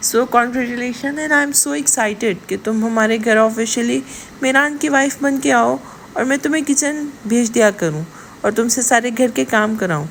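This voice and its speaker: Woman narrator as a cheeky young guy, teasing, chatty, high gravelly voice. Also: a little hiss or hum, close to an everyday voice. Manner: teasing, chatty, mixes English phrases. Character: playful teasing young man, warm toward her.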